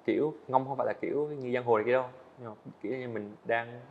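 Talking quickly and earnestly, a young man with a middle-pitched voice gives casual answers as a student animator guest, retrying sentences as he goes. The sound is slightly dull and lo-fi with a little hiss or hum, like a podcast studio set.

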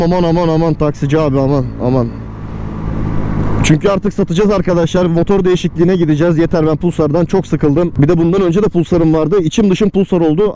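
A man's voice: high-pitched, dark tone, rough recording. A young man chatting casually to viewers as a motovlog host, speaking from inside a helmet while riding, colloquial and exclamatory. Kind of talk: casual vlog chat while riding a motorcycle. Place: inside a helmet, outdoors on a motorcycle in city traffic. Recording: motor and road noise, inside-helmet sound.

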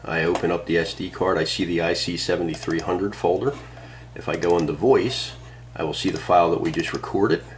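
An amateur radio operator presents a tutorial from his radio and computer desk indoors, walking through a casual how-to demonstration step by step in plain terms. He speaks briskly in a low voice.

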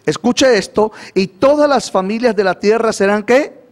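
Male preacher with a high voice, livestreamed sermon, leads call-and-response with the congregation. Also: moderate pace. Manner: asks the congregation for call-and-response, repeats questions. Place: church or studio, livestreamed.

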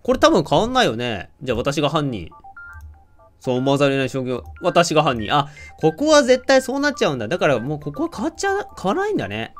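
Animated Kansai-accented game streamer. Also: male voice, a little high, fast, faint music behind. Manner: playful, animated, jokes with the game and often laughs. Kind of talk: let's-play commentary reading character lines.

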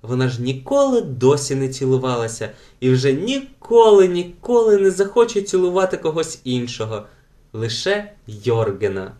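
A man reading a children's audiobook aloud with gentle, animated storytelling. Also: mid-range voice. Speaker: audiobook narrator.

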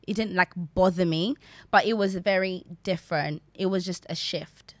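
Speaking at a moderate pace in a lowish voice, a woman from Zambia in her twenties is interviewed casually in a small studio set indoors. The recording through her desk podcast mic is dry, and she stays animated, gesturing a lot as she talks.

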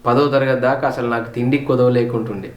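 Man, Telangana accent, heartfelt personal storytelling vlog, mid-pitched voice, roomy echo. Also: fairly even intonation, a little fast. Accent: Telangana Telugu. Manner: heartfelt, reflective, repeats words for emphasis. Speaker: vlogger telling his family story. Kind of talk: personal storytelling on a home tour.

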